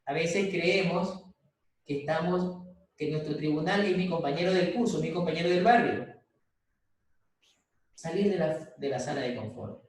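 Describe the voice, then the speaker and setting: A man's voice: fairly high pitch, normal speed, pauses often. Echoey distant male lecturer on a call. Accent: Ecuadorian Spanish. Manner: informal, advice-giving, with mock examples. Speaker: university lecturer. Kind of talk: online class lecture. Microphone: video call. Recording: echoey video-call audio from far off.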